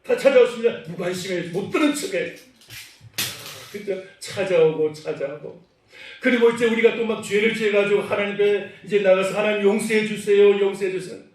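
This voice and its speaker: A male pastor preaching a sermon in a church, animated, acting out little dialogues and putting questions to the congregation. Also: high-pitched, normal speed. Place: church sanctuary. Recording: very echoey hall, mic far off.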